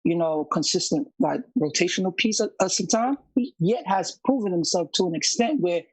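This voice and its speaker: A man in a casual sports debate, insistent and halting, often repeating words as he makes his point. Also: high voice, expressive, breathy edge, no echo, low-quality recording. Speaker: basketball podcast panelist.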